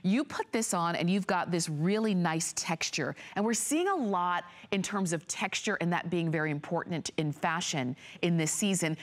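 A middle-aged American woman hosting a shopping channel, giving an unscripted, chatty and persuasive sales pitch that repeats points for emphasis. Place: TV studio.

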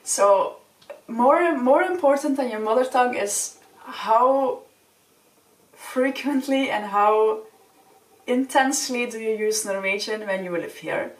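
Speaking slowly in a fairly high voice, a young vlogger whose first language is Dutch offers casual, earnest advice straight to the camera. She is friendly and gestures with open hands in a small wood-panelled room. The mic is on a camera a few feet off, giving a roomy sound.

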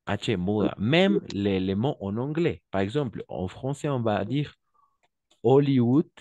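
A man teaching French to a class, patient, repeating each word slowly and often praising his students. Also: on the low side, lively intonation, a little mellow, dry recording, dull audio. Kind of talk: online class instruction.

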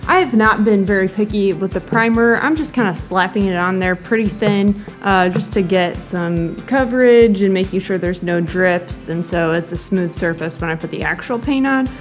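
A woman's voice: medium pitch, normal speed, hardly any pauses, soft background music. A woman in her twenties casually talking through a painting project, filming herself at arm's length in a basement and garage workshop. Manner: chatty, relaxed, explaining as she works. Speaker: vlogger. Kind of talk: casual DIY vlog. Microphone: handheld camera at arm's length.

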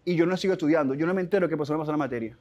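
A Venezuelan man in his young adult years tells his story at a rapid clip, his voice sitting fairly high. He restarts sentences, drops slang and talks with animated feeling as an interview guest. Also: muffled recording. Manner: animated, fast-talking, with frequent restarts and slang.

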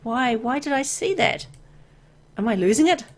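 A woman reads a visual novel aloud as dramatic scripted narration, telling the story expressively. Her voice is slightly high and her pace normal.

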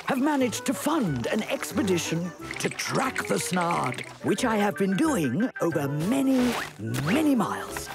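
A woman's voice: mid-range voice, very animated, unhurried, over music. A woman voicing an earnest female explorer who tells her expedition story in formal, dramatic phrasing for a cartoon. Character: earnest adult female explorer chasing a shy creature. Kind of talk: cartoon narration of an expedition diary.

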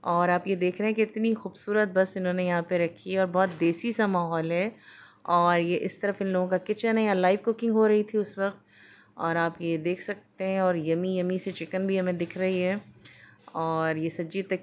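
A woman's voice: fairly low pitch, fairly even intonation, moderate pace, clean tone. A woman, chatting upbeat to her vlog viewers, filmed on a phone held at arm's length. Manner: chatty, upbeat, enthusiastic recommending. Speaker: lifestyle vlogger. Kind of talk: casual vlog narration. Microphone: phone camera at arm's length.

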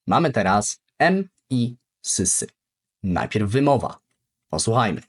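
Slow, animated male language teacher. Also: fairly low pitch. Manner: repeats each word slowly for practice, very lively intonation. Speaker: English teacher. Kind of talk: beginner language lesson.

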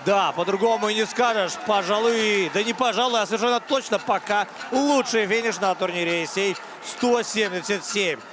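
A man's voice: high-pitched, normal speed, few pauses. A man giving live play-by-play sports commentary on a fight. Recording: music and crowd noise behind commentary. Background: arena music and crowd.

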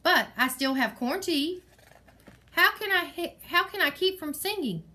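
A woman's voice: very high voice, lively intonation, normal speed, bright, forceful tone, pitched above the performer's own voice, full character voice. A woman voicing a stubborn, brave male rooster while reading a storybook aloud. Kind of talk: reading a picture book aloud.

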